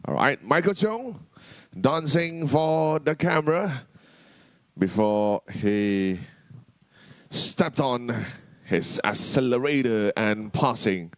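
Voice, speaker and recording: A man giving measured, bantering co-commentary at a live drift event. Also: medium pitch, expressive, dry recording.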